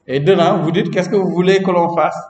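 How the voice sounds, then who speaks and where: A man's voice: sits high, fairly even intonation, fairly quick, a little mellow, a little hiss or hum. A man instructing a class in programming during a live coding lesson, chatty and often checking in with the students. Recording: roomy, dull lo-fi classroom recording with long reverb.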